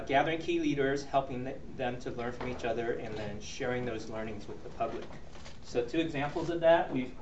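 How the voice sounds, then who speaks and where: Middle-aged Taiwan-born man, earnest ministry speaker, halting delivery; roomy, distant, muffled recording. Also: medium pitch. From Taiwan, raised in the U.S. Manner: earnest, with frequent ums and restarts. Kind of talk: presentation to a church audience. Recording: roomy, distant, dull recording with faint noise.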